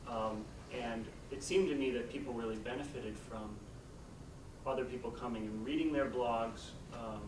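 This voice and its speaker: A man's voice comes from off the mic in a roomy space, with clear noise behind it. He explains his research as a doctoral candidate, informally and tentatively, often rewording his thoughts as he goes. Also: mid-range voice, fairly even intonation, normal speed. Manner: hesitant, tentative, circles through rephrasings. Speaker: doctoral candidate defending a dissertation. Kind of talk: informal academic presentation and discussion. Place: echoey room, recorded from a distance. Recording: roomy, distant mic with loud background noise.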